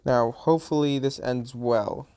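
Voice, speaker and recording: A man at a mid pitch talks over his gameplay in a loose, rambling way. He sounds a bit tired and often trails off or restarts his sentences. It is plain, unscripted commentary into a home microphone. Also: steady tone, measured pace, dark tone, clear, resonant tone. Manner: rambling, chatty, self-correcting. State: a little tired. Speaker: gaming channel host.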